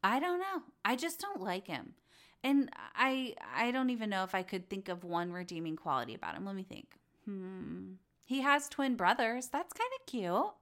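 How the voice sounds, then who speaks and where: A young adult woman hosting a casual chat show, gossipy and opinionated, slipping into quick mocking impressions. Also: mid-range voice, animated, fairly bright tone. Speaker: podcast host recapping reality TV.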